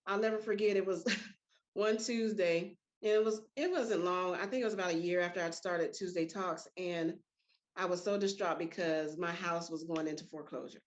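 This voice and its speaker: Animated woman hosting a chat. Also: on the low side, moderate pace. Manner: animated storytelling with voiced quotes. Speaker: podcast host. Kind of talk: casual chat.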